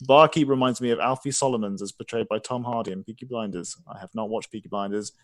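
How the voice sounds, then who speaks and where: A man's voice: on the low side, quick pace, no room sound. A man game master narrating and chatting through a tabletop game stream in an informal, self-deprecating way.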